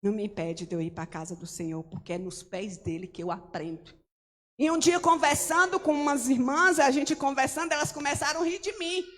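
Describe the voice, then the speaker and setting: A woman's voice: high-pitched, brisk, fairly bright tone. A middle-aged woman missionary giving an emphatic testimony sermon in church, often calling out to the congregation. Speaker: missionary preacher. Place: church hall. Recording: long hall reverb.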